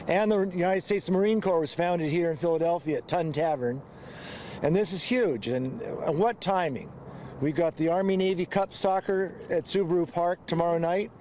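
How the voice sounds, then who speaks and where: Older male veteran interviewee, enthusiastic, higher voice, light outdoor hum. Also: warm tone. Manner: enthusiastic, proud. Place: outdoors at a riverside venue.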